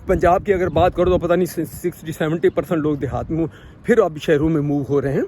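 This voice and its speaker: A man from Pakistan, telling a personal story in a casual, animated way and acting out the dialogue. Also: on the high side, a little hiss or hum. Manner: animated, acts out quoted dialogue. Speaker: vlogger.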